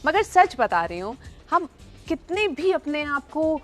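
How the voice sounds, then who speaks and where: Young woman, high-pitched, playful teasing pronunciation coach, faint music underneath. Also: very animated, unhurried. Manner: playful, teasing, spells words out letter by letter. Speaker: pronunciation teacher. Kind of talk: chatty pronunciation lesson.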